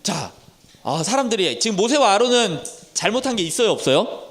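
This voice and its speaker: A man's voice: high-pitched, big pitch swings, a little fast, fairly bright tone. A man in his thirties, a Sunday school teacher telling a Bible story to children and asking them questions. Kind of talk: children's sermon.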